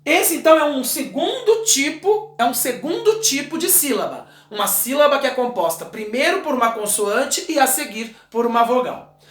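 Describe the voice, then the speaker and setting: Extremely high in pitch with a fairly bright tone, this man teaches a recorded lesson indoors, writing on a wall as he explains each step. He stays patient and checks understanding with brief questions, and the room gives off an echo.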